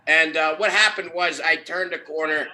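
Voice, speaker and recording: A frat-bro type of man with a fairly high, very bright voice. He banters casually and rowdily on a group livestream, swearing freely. A little background noise sits behind him. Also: steady tone, normal speed, rough recording. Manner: rowdy frat-bro talk, heavy swearing. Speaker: podcast host. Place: remote group call.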